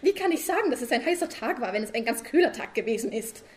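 A woman voicing a fussy, nagging female beetle wife in a read-aloud story, high, insistent and preachy. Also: expressive, fast, a little hiss or hum, close to an everyday voice.

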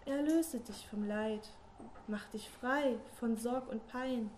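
An eerie tree spirit from a dark storybook whispers slowly and coaxingly, as a woman puts it on. Her voice sits fairly high but stays hushed and soft. Faint hiss lies under the recording. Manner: slow, coaxing. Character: whispering tree luring a lost soul.

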